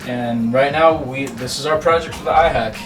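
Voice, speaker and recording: A young man, a student, showing his team's code in a relaxed, halting casual interview. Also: medium pitch. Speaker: student team member. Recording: music bed under voice.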